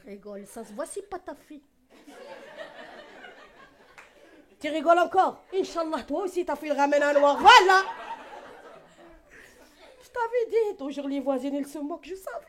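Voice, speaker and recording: A woman's voice: medium pitch, animated, fast talker, few pauses, darkish tone, voice pushed down, lightly acted. Melodramatic mother, outraged and wailing, done by a woman. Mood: scolding. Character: outraged middle-aged North African mother, dramatic.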